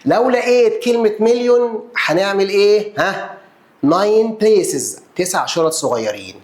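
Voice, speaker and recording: A man's voice: sits high, animated, moderate pace, echoey room. A man with an Egyptian Arabic accent teaching a math lesson, counting places aloud and answering his own questions as if he were the pupil.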